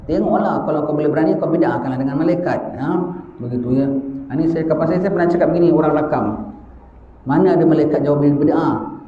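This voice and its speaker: A man giving a religious sermon, lively with rhetorical questions and mocking asides. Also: a little high, fast, slight background noise. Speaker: religious teacher. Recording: echoey, dull lo-fi lecture recording.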